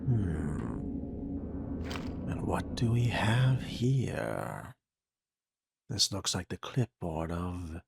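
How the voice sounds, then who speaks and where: A man narrates a role-playing game in character and reads documents aloud, measured, formal and dry. His voice is low and slightly rough with vocal fry, and the recording has no room sound.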